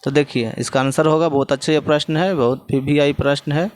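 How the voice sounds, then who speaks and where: A man's voice: a little high, steady tone, a little fast, a little mellow. A male teacher with a Bihari Hindi accent explains textbook answers to students, often repeating phrases as he points to the page.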